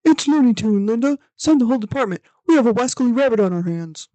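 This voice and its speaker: A woman voicing a flustered male police officer calling in over the police radio, in a hurried, halting callout. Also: fairly high pitch, animated, dark tone, dry recording, pitched above the performer's own voice, low-quality recording. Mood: urgent. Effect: police radio call.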